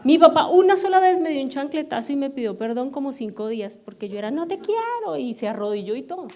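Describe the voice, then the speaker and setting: A middle-aged woman pastor, telling personal stories to her congregation in an animated, self-mocking way and checking in with the audience often. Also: high-pitched, fast talker. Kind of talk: storytelling sermon to a congregation. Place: church service.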